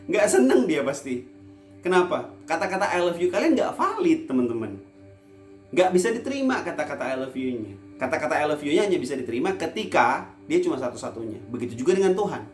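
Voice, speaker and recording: A man preaching a casual youth sermon for an online service, with playful teasing asides, swinging from loud emphasis to quiet low lines. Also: reverberant.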